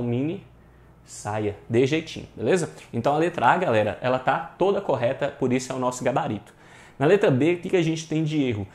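A man's voice: fairly high pitch, a little mellow. A man with a Brazilian Portuguese accent teaching an online exam-prep grammar lesson, often addressing viewers directly and repeating rules emphatically. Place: online class.

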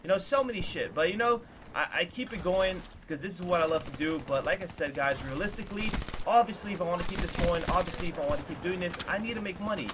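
A man's voice: sits high, animated, quick pace, noisy background. A man in his early twenties talks candidly to his viewers from a small room at home, earnest and rambling, repeating himself with lots of fillers. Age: 20s. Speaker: gaming YouTuber. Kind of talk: candid talk to viewers over gameplay. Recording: clear gunfire from the game behind the voice. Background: game gunfire.

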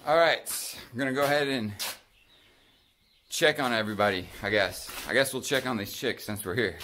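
A chatty man narrates his farm day into a handheld phone, mid-pitched and unhurried. He thinks aloud with fillers as he goes. Faint outdoor noise sits behind him. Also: pushed and bright. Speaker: farm vlogger. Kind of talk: casual vlog narration.

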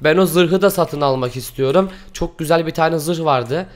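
A man hosting a gaming video, commenting excitedly and pleading dramatically as he plays. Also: a little high, moderate pace.

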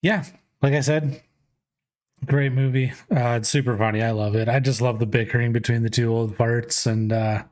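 A man's voice: medium pitch, fairly even intonation, moderate pace, darkish tone. Male host, 30s, easygoing and upbeat, talking from a gaming chair, headset mic. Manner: upbeat, rambling, recommends films. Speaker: movie list host. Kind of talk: casual video commentary. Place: small room at a desk in a gaming chair.

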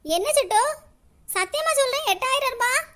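A woman's voice: very high voice, expressive, normal speed, a bit bright. A woman voicing a gossipy, boastful village auntie in a cartoon. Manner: chatty, gossipy.

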